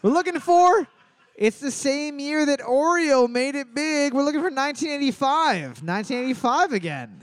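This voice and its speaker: His voice is very high, and the recording has no echo. As host of a live trivia night, he's animated, reading questions, slowly spelling out answer choices letter by letter, and joking between rounds.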